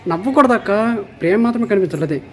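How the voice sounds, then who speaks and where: A woman's voice: mid-range voice, animated, quick pace. A woman directing a short film shoot, with a mid-range voice. She coaxes her actors again and again with repeated cues to get ready, look serious and stop laughing. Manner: coaxing, repetitive cues.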